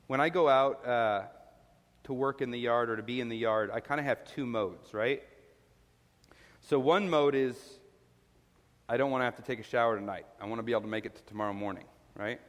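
A man's voice: mid-range voice, normal speed, pauses often, fairly bright tone. A male pastor giving a sermon, earnest and explanatory, putting questions to his listeners. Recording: long reverb of a large hall.

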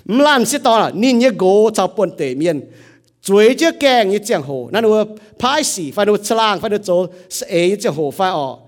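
A man's voice: high-pitched, animated, moderate pace. A man preaching a sermon as pastor, with a rising and falling delivery.

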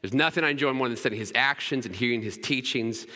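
A man's voice: medium pitch, fast talker, bright, forceful tone. A man in his thirties preaching a sermon in a church, talking in a casual, conversational way and often checking in with "right?". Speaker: pastor. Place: church sanctuary. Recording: long hall reverb.

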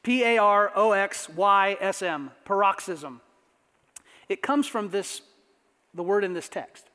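A man with a strikingly high voice preaches to his congregation, animated and conversational, dropping asides as he goes. His voice rings out with the long reverb of a church sanctuary. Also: takes it slowly, smooth. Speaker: pastor. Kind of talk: sermon.

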